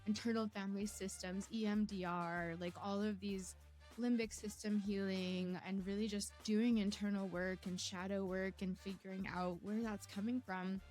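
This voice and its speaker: A woman's voice: medium pitch, fairly even intonation, moderate pace, a little mellow, faint music behind. A woman telling her personal story in conversation as a podcast guest, candid and introspective. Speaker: podcast guest, health marketer.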